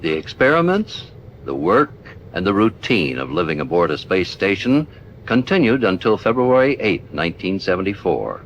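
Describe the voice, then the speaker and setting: A man reading scripted 1970s documentary narration in a measured, formal manner. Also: fairly low pitch, sing-song. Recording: dull old film soundtrack, faint noise.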